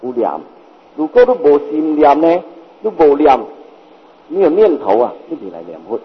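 Speaking at normal speed in a fairly high, slightly rough and very animated voice, an older master delivers a Buddhist sermon in Hokkien-accented Mandarin. He repeats points and explains through rhetorical questions, and the hall recording sounds reverberant, dull and lo-fi.

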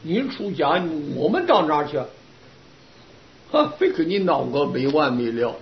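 A man delivers a Buddhist sermon to his students in a high, animated voice, his pitch leaping up and down as he tells stories. He keeps asking rhetorical questions and answering them. The sound is muffled and lo-fi. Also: measured pace. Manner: lively storytelling with rhetorical questions. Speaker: Buddhist Dharma teacher. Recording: dull lo-fi recording.

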